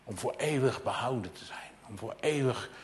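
A man's voice: medium pitch, lively intonation, normal speed, a little hiss or hum. A man preaching a sermon with direct, personal appeals to the congregation, swinging from ringing proclamations down to near-whispers.

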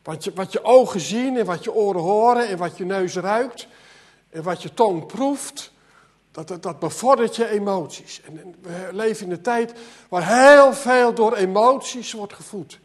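Male preacher, high voice, earnest sermon delivery, stutters and repeats words. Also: unhurried. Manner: earnest, repeats words, voice rises and drops sharply.

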